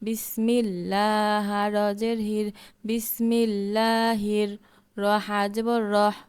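A woman's voice: mid-range voice, level tone, slow pace, clear, resonant tone. A woman teaching Quran reading, spelling Arabic words letter by letter and reciting them with long drawn vowels.

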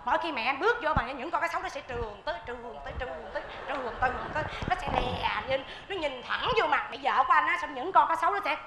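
A woman's voice: sits high, expressive. A woman playing a scheming blackmailer in a stage comedy sketch, taunting and menacing her ex-lover. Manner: taunting, menacing, drawn-out threats. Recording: echoey stage with loud noise.

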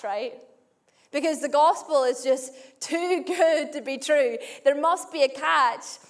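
A woman preaching a sermon in slow, deliberate phrases, often repeating a line for emphasis. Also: sits high. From Australia.

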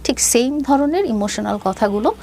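A woman in her fifties with a Bangladeshi accent shares a personal story as an interview guest, her voice a little high, animated, and dark-toned, with a faint hiss or hum. She speaks hesitantly and haltingly, dropping in English phrases.

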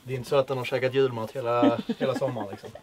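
A man's voice: medium pitch, flat delivery, crowd noise. Joking young man vlogging outdoors. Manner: joking, playful, laughs often. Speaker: YouTuber filming with his nephew. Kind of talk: casual vlog chat. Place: outdoors at a farm with animals.

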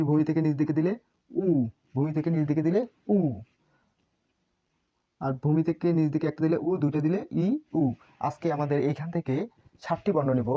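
A man's voice: a little high, warm tone, dry recording, dull audio. A man teaching a basic language class, repeating sounds and often correcting himself. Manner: repetitive, drilling, self-correcting teacher. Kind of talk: classroom lesson.

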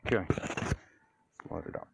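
A man in his forties with a broad New Zealand accent, chatting casually and laconically in slangy, sweary phone-vlog style. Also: normal speed. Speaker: vlogger. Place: mostly outdoors, some in a car. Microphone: handheld phone at arm's length. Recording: wind and traffic noise on phone mic.

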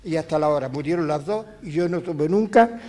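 A man's voice: on the high side, fast talker, warm tone, slight background noise. A man with a Chilean accent telling stories on stage in a colloquial, rambling way, chuckling as he goes. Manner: folksy, chuckling, rambling with restarts. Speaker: musician telling anecdotes on stage. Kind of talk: colloquial live storytelling.

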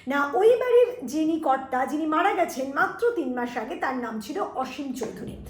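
Woman teacher, high voice, echoey room, revision lesson that speaks to students directly. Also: lively intonation, moderate pace. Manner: explanatory, addressing students directly.

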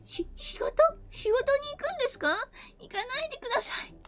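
A woman from the American South giving a casual live-streamed English lesson, playful and breaking into mock-angry rough slang. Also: very high-pitched, animated, brisk, soft background music.

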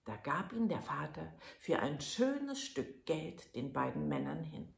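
A woman reading a fairy tale aloud as a storyteller, in a calm, measured manner. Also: low-pitched, gravelly. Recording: echoey room.

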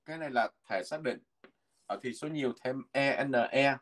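A man teaching a language lesson from a textbook, patiently repeating words slowly so learners can follow. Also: mid-range voice, a bit bright.

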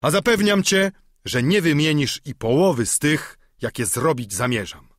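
A man reading a storybook, voicing a solemn, lovesick old knight who speaks slowly and declaims. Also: fairly high pitch, expressive, dry recording, clean studio sound, voice pushed up. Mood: grandiose. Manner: slow, grave, declamatory. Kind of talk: audiobook character reading.

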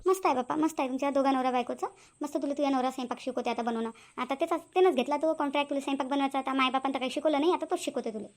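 A woman's voice: high-pitched, racing. A woman voicing a quarrelsome middle-aged mother-in-law in a cartoon, nagging and accusing. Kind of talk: cartoon voice acting.

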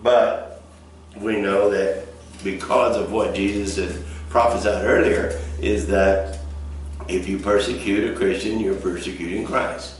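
A man's voice: fairly low pitch, fairly even intonation, unhurried. A man pastor teaching a Bible study in a folksy, rambling way, full of fillers and restarts. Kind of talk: casual teaching. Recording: echoey room from a distant mic, faint noise.

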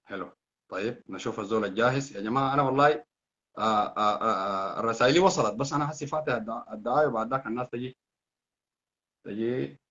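A man's voice: medium pitch, a bit bright. A man with a Sudanese Arabic accent, hosting a heated political live stream, ranting with repeated insults. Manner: fast, heated, insulting, repetitive. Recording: dull lo-fi sound.

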